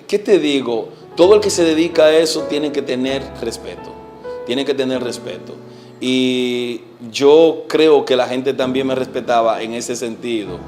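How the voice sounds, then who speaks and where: Medium in pitch, this man's voice carries a Dominican accent as he shares his testimony as an evangelist guest in an interview. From the Dominican Republic and in his forties, he speaks earnestly but hesitantly, with frequent pauses and fillers, letting his words trail off softly.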